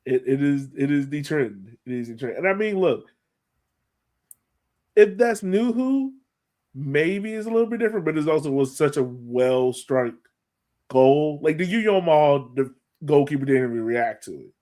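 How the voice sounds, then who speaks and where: Speaking at a normal pace, this American man has a mellow, expressive voice on the high side. As a sports podcast co-host, he dissects a match colloquially and emphatically, repeating things for stress.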